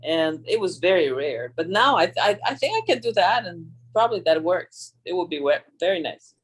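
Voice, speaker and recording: A participant in an online class talks in a halting way, repeating words and starting sentences over. The voice sits in a middle register and comes through a video call. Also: mid-range voice, animated, husky. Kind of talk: sharing feedback in an online class.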